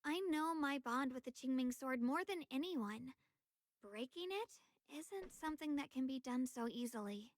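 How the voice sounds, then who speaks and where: A wistful young sword wielder. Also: female voice, sits high, lively intonation, normal speed, no room sound. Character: young woman sword wielder, earnest, recalling her brother. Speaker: game character. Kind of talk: voiced game dialogue.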